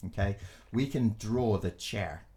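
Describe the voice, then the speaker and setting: Guy on a podcast, lowish voice, tells stories, does little voices, swears and laughs a lot. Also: unhurried, a little hiss or hum. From Glasgow, Scotland. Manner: animated, acts out quotes, laughs often, swears. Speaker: podcast co-host and design teacher. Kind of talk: casual storytelling chat.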